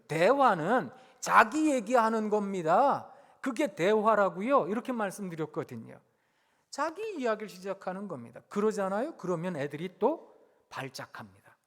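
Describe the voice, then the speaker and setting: A male preacher with a high voice speaks in a conversational, gently humorous way, often slipping into quoted lines. His sermon rings through the long reverb of a church hall. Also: sing-song, moderate pace. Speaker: guest preacher, professor. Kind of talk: sermon at an evening worship service.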